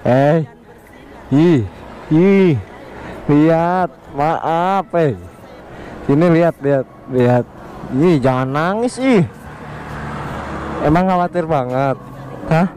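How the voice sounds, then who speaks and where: Young man, playful vlogger, slightly high voice, unhurried delivery. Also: lively intonation, warm tone, a little hiss or hum. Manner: playful, teasing, laughs a lot. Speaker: vlogger pranking his girlfriend. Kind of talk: casual prank vlog.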